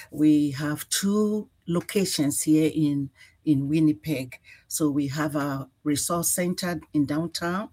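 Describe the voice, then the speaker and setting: A woman in her sixties from Ghana, answering radio interview questions in an earnest, measured way with frequent fillers. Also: sits low, darkish tone, breathy edge. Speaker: executive director, guest.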